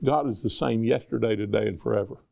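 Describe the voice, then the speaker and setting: A man preaching a sermon in a conversational, animated way, asking the congregation rhetorical questions. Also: lowish voice, quick pace, vocal fry.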